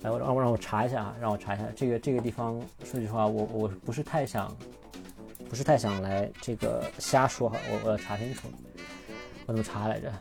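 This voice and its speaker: A man's voice: fairly low pitch, steady tone, quick pace, creaky, over music. A man hosting a casual solo podcast, rambling and correcting himself as he looks things up while he talks. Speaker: podcast host.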